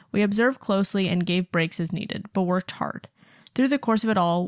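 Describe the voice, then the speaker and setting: A woman's voice: on the low side, no room sound. Woman co-host, casual and chatty, reads listener stories; dry, close mic. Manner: chatty, laughs often, many fillers. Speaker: podcast co-host.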